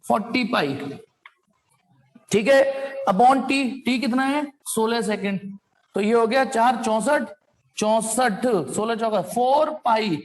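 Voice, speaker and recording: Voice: mid-range voice, slow. A physics teacher giving an informal lecture, talking students through sums step by step and mixing in English technical terms. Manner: chatty, works sums aloud, calls students "beta".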